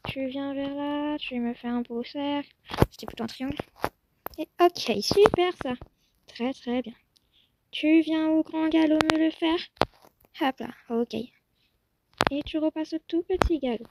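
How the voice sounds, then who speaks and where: Heavy background noise surrounds a young female Roblox streamer whose high-pitched voice moves a little slowly. Playing a horse-riding roleplay, she keeps up casual commentary aimed at her virtual horse, coaxing it soothingly, then breaking into frantic shouts.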